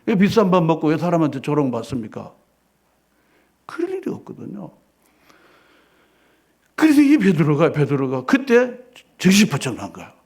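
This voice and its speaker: Male pastor in church: husky, slightly high, preaches with loud declarations and hushed asides. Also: wildly swooping pitch, normal speed, long pauses. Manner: emphatic preaching with rhetorical questions. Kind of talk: sermon.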